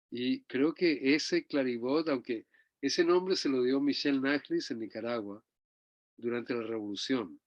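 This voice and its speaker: The older Chilean guest keeps recalling his parents in a rambling, storytelling manner, frequently tacking a tag question onto his phrases. He speaks at a medium pitch. It's a dull, dry close recording without echo.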